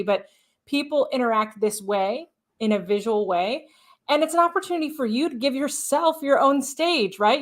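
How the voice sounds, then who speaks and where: Speaking as a guest on a live podcast from a stage at an event, this woman has a high-leaning, fairly bright voice. She talks with passion, using the polished cadence of a news reporter.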